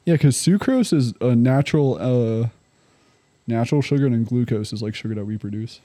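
Male, twenties, deeply mellow and relaxed timbre, slangy joking delivery for casual conversation between friends. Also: brisk. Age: 20s. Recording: faint heater hiss in background.

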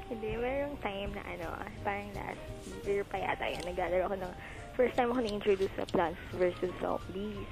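A woman calls in to a radio show, and her voice comes through a phone line into the studio with music playing clearly underneath. She speaks hesitantly and keeps her voice down because she is at work. Her pitch is about average. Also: normal speed. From Philippines. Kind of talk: casual call-in chat.

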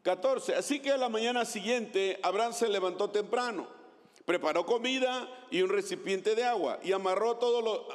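A man with a high voice delivers a sermon as pastor, reading scripture and asking his listeners questions. His voice carries a long reverb from the hall. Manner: preaching, asks the congregation questions.

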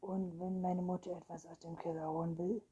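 A woman doing a croaking bully of a vampire. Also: on the low side, little pitch movement, a little fast, mellow, lo-fi sound. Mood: gruff. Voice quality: croaking, thundering. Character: big gruff bullying boy vampire.

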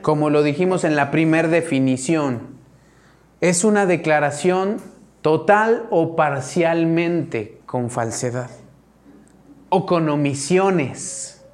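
A man's voice: a little high, takes it slowly, darkish tone. A man with a Mexican accent preaching a conversational sermon, often checking in with his congregation. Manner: chatty, keeps checking in with the congregation. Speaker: pastor.

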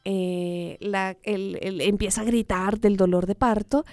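A woman telling a story in a casual, animated way, full of fillers and acted-out reactions. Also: medium pitch, unhurried, no echo, soft background music.

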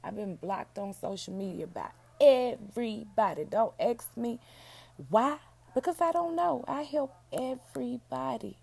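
Female solo podcaster, hoarse and gravelly, mellow delivery, down-home casual chat. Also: fairly high pitch, a little slow. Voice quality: raspy. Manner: down-home, addresses listeners as y'all and baby. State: hoarse, feeling unwell. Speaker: podcast host, book reviewer.

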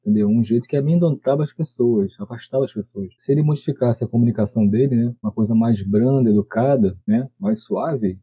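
Guy talking fast, dark husky voice, casual storytelling, dry sound. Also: medium pitch, a little hiss or hum, rough recording. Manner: conversational, checks in with "entendeu?". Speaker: podcast co-host.

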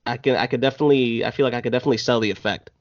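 A man's voice: mid-range voice, rapid-fire. Rambling man chatting casually. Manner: relaxed, rambling with many fillers. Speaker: podcast guest, filmmaker. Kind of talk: casual podcast chat. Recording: slightly dull lo-fi sound.

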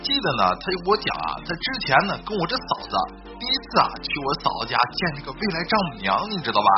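A man with a slightly high, very animated voice, rambling through comic anecdotes and often breaking into loud laughter at his own jokes. The sound is dull and lo-fi, with loud music playing behind him. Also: rapid-fire. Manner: keeps checking in with the listener. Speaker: joke-telling host. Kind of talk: casual comedic storytelling monologue.

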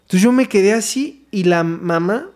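A young Mexican man with a high-pitched voice tells a story among friends. He talks in loose, slangy, profane bursts and slips into acting out the quotes. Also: normal speed, darkish tone. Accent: Mexican Spanish. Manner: slangy, swears a lot, acts out quotes. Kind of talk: casual chat.

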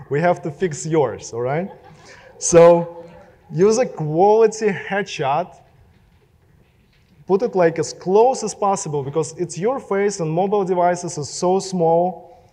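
This young Russian-accented man talks casually to a live crowd, speaking directly and asking the room questions. He sits high and mellow, going slowly with long pauses, and a hall's long reverb trails each phrase.

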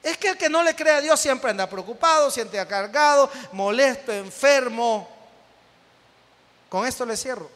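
A man's voice: extremely high pitch, expressive, measured pace, fairly bright tone. A man with a Salvadoran accent preaching a sermon as pastor, joking with the congregation, acting out everyday scenes and calling out to them. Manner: calls out to the congregation. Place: church hall. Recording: echoey hall with long reverb.

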